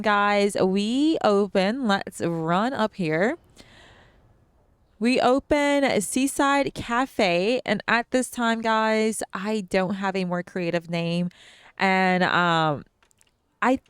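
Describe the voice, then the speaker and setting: This young adult woman runs a gaming channel and is hosting a let's-play, chatting casually to viewers with ums and restarts. Her mid-range voice is smooth, though her nose sounds a bit stuffy. The recording is studio quality with no echo.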